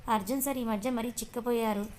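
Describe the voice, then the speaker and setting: A woman's voice: fairly high pitch, fairly even intonation, fast, darkish tone, slight background noise, close to an everyday voice. Woman reading as a motherly older housekeeper. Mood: caring.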